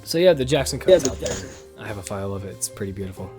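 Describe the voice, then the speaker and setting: A man with a lowish voice and lively intonation races through a casual podcast chat he's hosting, rambling along with slang and lots of swearing. Music plays behind him.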